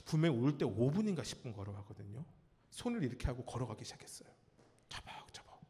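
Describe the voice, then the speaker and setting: Animated pastor preaching in a reverberant hall. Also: male voice, mid-range voice, fast. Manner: animated storytelling, acts out cries and quotes; asks the congregation questions. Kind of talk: sermon. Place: church sanctuary.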